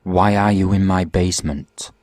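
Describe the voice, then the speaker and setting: A man playing a calm, mocking killer. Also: low-pitched, normal speed, dry recording, studio quality, lightly acted. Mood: coldly calm. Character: calm menacing male killer ex-boyfriend. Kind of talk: horror story voice acting.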